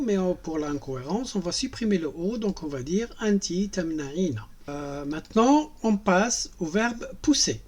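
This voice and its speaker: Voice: mid-range voice, breathy edge. A teacher giving a language lesson in French, patiently spelling out and repeating each verb form. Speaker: Arabic teacher.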